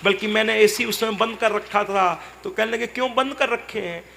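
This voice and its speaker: A man's voice: sits high, steady tone, normal speed, gravelly, a little hiss or hum. A male preacher giving a devotional discourse to a live audience, retelling a conversation and acting out both voices. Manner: softens to a gentle murmur when speaking to a child on stage. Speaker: katha preacher.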